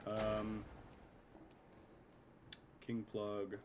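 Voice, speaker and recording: A man with a cold talks through a game stream in a nasal, scratchy voice that sits fairly low. He is chatty, swears easily and pokes fun at himself. Steady noise hums under the recording. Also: drawn-out words. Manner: chatty, swearing, self-mocking. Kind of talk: casual live game commentary.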